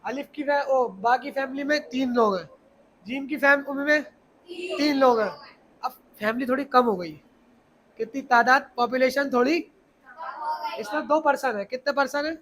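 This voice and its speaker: A man's voice: extremely high pitch, normal speed, pauses often, fairly bright tone. A man teaches a children's class, stopping often to question the pupils and repeat his points. He talks patiently through each letter. Faint room noise sits behind him.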